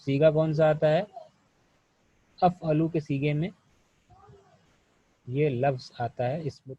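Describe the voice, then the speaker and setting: A man's voice: on the high side, fairly even intonation, warm tone, no room sound, muffled recording. A man from India teaching Arabic grammar, patiently asking questions and answering them himself, with English words mixed in. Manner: patient, repeats questions and answers them, often says "theek hai". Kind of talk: online class explanation.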